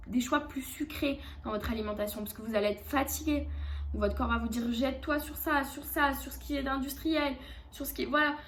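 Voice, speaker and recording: A high-voiced French woman talks fitness tips straight to her viewers. Her delivery is casual and chatty, with frequent fillers and self-corrections. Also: roomy sound. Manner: chatty, many fillers and restarts. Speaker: fitness coach. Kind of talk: casual vlog advice.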